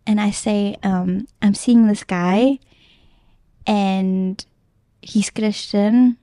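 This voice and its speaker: A woman's voice: medium pitch, fairly even intonation, very slow, warm tone, no echo, studio quality. A young woman guest earnestly retelling a personal story in casual chat, with plenty of filler ums. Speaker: podcast guest.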